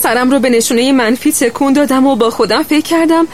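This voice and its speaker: A woman narrating a first-person children's story in a gentle, steady way. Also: high voice, crowd noise.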